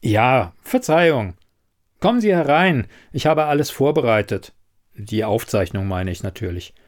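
A man playing a smooth, evasive TV quizmaster. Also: medium pitch, sing-song, normal speed, close to an everyday voice. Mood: polite. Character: slick, evasive male TV quiz host.

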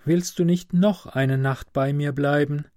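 A man reading a storybook aloud, voicing a kind, sorrowful prince statue in an earnest, gently insistent voice. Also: a little high, fairly even intonation, unhurried, no room sound, clean studio sound, pitched above the performer's own voice, close to an everyday voice.

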